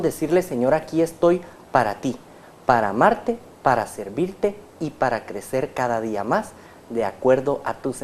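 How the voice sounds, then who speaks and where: A man's voice: a little high, darkish tone. A man hosting a religious TV interview, formal and welcoming in how he talks. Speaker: TV program host.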